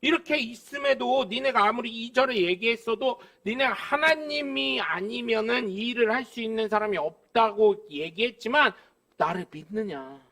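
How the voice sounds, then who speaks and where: A man preaching a live Sunday sermon as pastor, animated and humorous, with emphatic exclamations. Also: extremely high pitch, normal speed. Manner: animated, humorous, acts out dialogue.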